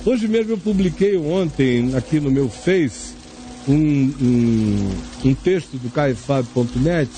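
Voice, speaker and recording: A man's voice: fairly high pitch, animated, slow pace, mellow, slight background noise. A man, a pastor answering a viewer's question in an emphatic, preaching way, acting out little dialogues as he goes. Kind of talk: spoken sermon-like answer.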